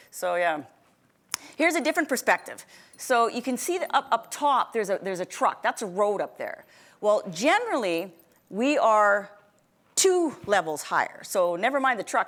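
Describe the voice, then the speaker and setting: A middle-aged woman giving a motivational keynote, telling stories in a chatty, animated way, restarting sentences often and laughing a lot. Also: mid-range voice. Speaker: keynote speaker. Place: event stage before an audience.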